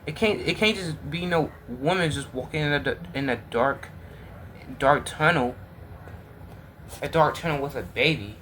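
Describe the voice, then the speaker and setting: A man's voice: on the high side, unhurried, sharp tone, slight background noise. A man hosting a reaction video, talking casually to viewers in an exasperated, repetitive way.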